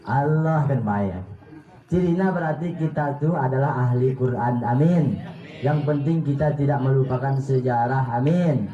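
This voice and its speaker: A man's voice: mid-range voice, measured pace. A male preacher with a Sundanese accent, giving a comic sermon in a chatty way and speaking straight to the audience. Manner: jokey, chatty, addresses the audience directly. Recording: echoey, distant, muffled live PA.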